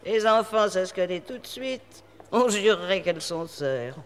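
A man's voice: high-pitched, expressive, moderate pace. A man voicing a scheming female innkeeper who sweet-talks a mother and then haggles over money. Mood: honeyed. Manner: falsely friendly, then haggling. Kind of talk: audio drama acting. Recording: hall reverb with faint noise.

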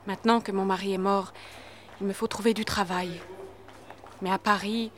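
A woman's voice: medium pitch, fairly even intonation, normal speed, a bit bright, a little hiss or hum, natural voice. A woman voicing a poor young widowed mother who earnestly begs an innkeeper to keep her child. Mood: pleading. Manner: earnest, imploring. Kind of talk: audio drama acting.

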